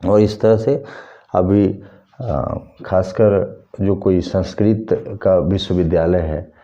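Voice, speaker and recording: A man's voice: deep voice, fairly even intonation, takes it slowly, dark tone, highs cut off. A man teaching a Hindi lesson at a board, explaining step by step and using a short story as an example.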